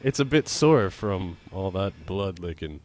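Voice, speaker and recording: Low-pitched man running a tabletop game. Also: animated, measured pace, darkish tone, a little hiss or hum. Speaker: game master. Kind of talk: casual tabletop game narration. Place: indoors at a game table on an online call.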